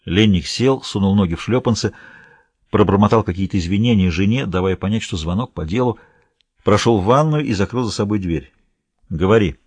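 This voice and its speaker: A man narrating an audiobook in a measured, steady reading voice. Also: on the low side, slightly rough, dry recording. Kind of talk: scripted narration.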